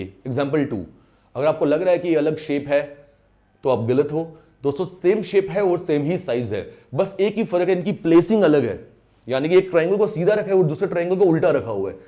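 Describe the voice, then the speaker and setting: A man's voice: on the high side, dark tone. A male maths teacher giving an online lecture, explaining step by step, repeating key terms, drawing out English phrases and often checking that students follow. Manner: mixes in English phrases, drawn out when stressed.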